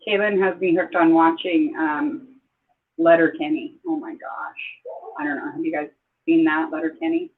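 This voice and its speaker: An older woman from Southeast Idaho hosting a casual livestream chat, rambling and exclaiming as she gets excited. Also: sits low, normal speed, breathy edge. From Southeast Idaho, USA. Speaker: livestream host. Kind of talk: casual live-stream chat. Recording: tinny phone-like sound.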